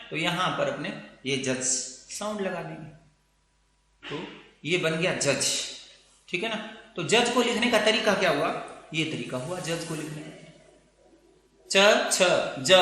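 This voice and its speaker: A man's voice: sits high, sharp tone. A man teaching phonetics. He explains step by step and keeps checking that the class follows him. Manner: explains step by step with frequent checks like "theek hai na". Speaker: English teacher. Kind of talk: phonetics lesson. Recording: echoey room with long reverb.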